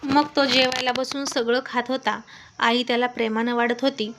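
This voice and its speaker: Female storyteller, high-set voice, scripted narration, faint hiss. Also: normal speed. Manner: even, descriptive storytelling.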